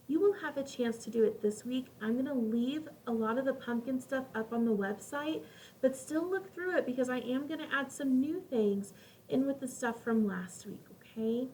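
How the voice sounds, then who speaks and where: This is a woman teacher with a high, mellow voice and lively intonation, reading aloud to young children at a normal pace. She keeps her explanations simple and asks her listeners questions. The distant microphone picks up faint background noise.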